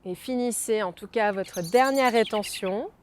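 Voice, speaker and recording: Female breathing coach, mid-pitched, very unhurried, instructive delivery in short spaced phrases for a guided exercise. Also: slight background noise. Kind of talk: guided breathing lesson, spoken to the viewer.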